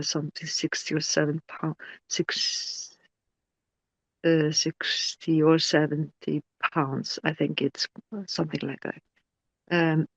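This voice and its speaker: A middle-aged woman tells her personal story, speaking very slowly and searching for words with fillers and restarts. The recording sounds dull and lo-fi but very dry, with no room around her. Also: on the low side, no room sound. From Iceland. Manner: halting, with many fillers and restarts; non-native English grammar. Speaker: interview guest. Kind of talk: personal testimony.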